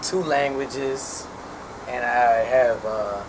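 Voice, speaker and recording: A man in his twenties from Chicago, a college student giving relaxed, halting interview answers with fillers. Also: medium pitch. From Chicago, USA. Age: 20s. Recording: noisy background.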